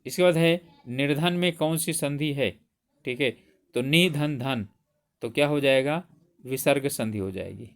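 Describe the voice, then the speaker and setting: A man's voice: medium pitch, unhurried, clean tone. Man teaching grammar step by step. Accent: Hindi. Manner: explains step by step, asks and answers his own questions. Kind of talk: exam prep lecture.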